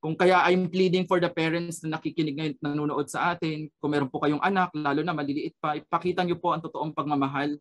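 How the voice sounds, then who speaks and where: A man's voice: fairly high pitch, steady tone, fairly quick, hardly any pauses. A man sharing an earnest personal testimony as a radio program guest, switching between Tagalog and English and often adding a questioning "no?".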